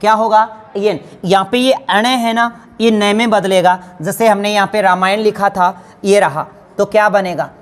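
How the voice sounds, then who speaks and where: A woman's voice: medium pitch, normal speed, few pauses. A woman teacher giving a grammar lesson to exam students, asking questions and answering them herself. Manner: addresses students fondly as children.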